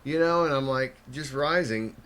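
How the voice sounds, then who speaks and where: A man hosting a podcast, telling wild stories in an animated, profane way. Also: mid-range voice, normal speed. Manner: animated, swearing storyteller. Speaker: podcast host. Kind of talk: casual chat.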